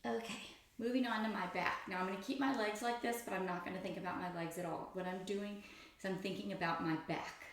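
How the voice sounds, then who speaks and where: A woman's voice: medium pitch, fairly even intonation, quick pace. A woman casually talking through an exercise routine as its host, in an informal, chatty, self-deprecating way. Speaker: host of a stretching routine video. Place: echoey room indoors. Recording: very echoey, reverberant room.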